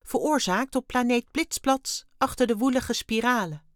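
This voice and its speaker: A woman's voice: a little high, moderate pace, no room sound, clean studio sound, voice pushed up, close to an everyday voice. Wim, a woman voicing a chirpy blue alien. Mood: chirpy, eager. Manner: chirpy, odd turns of phrase. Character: cheerful small hairy blue alien. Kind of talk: storybook reading.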